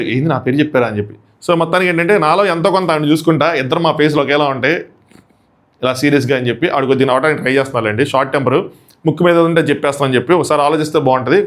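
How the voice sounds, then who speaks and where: A man chatting casually through a review of a reality show episode, animated and acting out contestants' lines. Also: fairly high pitch. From India.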